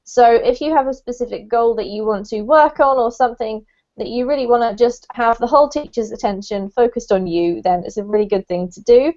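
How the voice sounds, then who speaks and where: A woman teaches an online English class over a video call, chatty and friendly, saying um a lot and laughing often. Her voice is on the high side with a darkish tone and a fairly quick pace, and the lo-fi call audio sounds dull.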